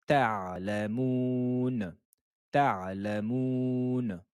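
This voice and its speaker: Slow, patient male recitation teacher. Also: mid-range voice, darkish tone, no echo, clean studio sound. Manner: patient, drills syllables slowly and repeats them; encouraging, praises the learner often. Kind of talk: step-by-step tajwid lesson.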